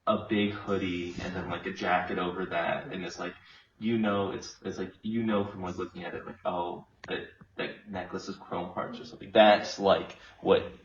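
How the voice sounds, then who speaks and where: A man's voice: low-pitched, level tone, moderate pace. A young man from Los Angeles, a student being interviewed, chatting casually and rambling with many fillers and restarts. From Los Angeles, USA. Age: young adult. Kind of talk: casual chat. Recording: roomy, distant, dull, faint noise.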